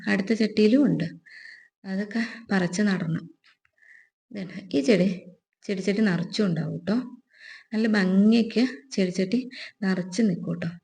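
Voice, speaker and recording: A woman's voice: mid-range voice, creaky, mellow. A woman with a Keralan accent chatting casually through a gardening vlog, outdoors in a garden, tagging nearly every sentence with a friendly aside. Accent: Keralan Malayalam. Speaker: vlogger. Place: outdoors in a garden with birds around. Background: birdsong.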